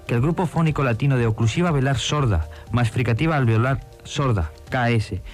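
A man giving a precise, academic philology lecture on an archival radio broadcast. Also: medium pitch.

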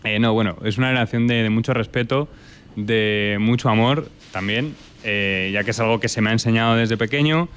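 Spanish chef talking in an interview. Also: male voice, fairly low pitch, moderate pace, fairly bright tone, a little hiss or hum. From Spain. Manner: thoughtful, many fillers and restarts. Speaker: chef and restaurant owner. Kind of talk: relaxed interview answers.

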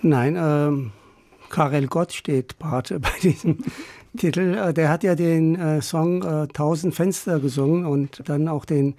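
An older novelist from Iran, answering interview questions in a radio studio in a relaxed, hesitant way. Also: male voice, a little high, measured pace, dry recording. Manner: relaxed, thoughtful, with many hesitations. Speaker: novelist guest. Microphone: studio microphone.

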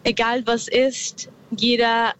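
A woman from Peru, calling in to a radio show from her car and speaking slowly and thoughtfully, with many pauses. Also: on the high side, flat delivery, fairly bright tone, muffled recording, slight background noise. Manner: slow, thoughtful, hesitant. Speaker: caller. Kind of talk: radio call-in.

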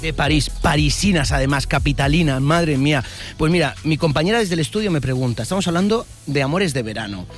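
This man's voice sits on the high side and sounds animated, with soft music in the background. He has a Peninsular Spanish accent and works as a street reporter doing an upbeat vox-pop outdoors, chatting playfully with passers-by and quick to crack a joke.

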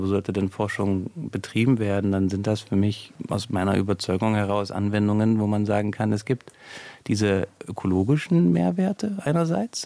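A man being interviewed as a guest, laying out his points at length and pausing on fillers as he thinks. His voice is low with a gravelly edge and a dark tone. The studio recording is dry and close. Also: no room sound. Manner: explanatory, thinks aloud with fillers. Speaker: sociologist guest. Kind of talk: radio interview.

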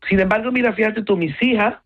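Over a tinny, phone-like line, a middle-aged woman from Gibraltar talks at a quick pace in a medium pitch. In this casual interview her Gibraltarian Llanito accent comes through as she moves between Spanish and English mid-sentence.

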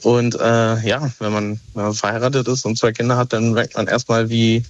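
In a casual phone-in to a radio show, a Berlin man in his thirties explains himself hesitantly, full of fillers and restarts. He talks at normal speed in a medium pitch with little pitch movement, his voice carried over a dull lo-fi telephone line with no echo.

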